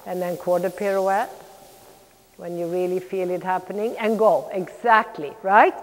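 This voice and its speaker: A woman coaching a riding lesson, calling out brisk, projected commands mixed with encouragement and blunt corrections. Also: lowish voice, steady tone, slight background noise. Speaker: riding instructor, clinician. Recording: long echoing reverb of a large hall.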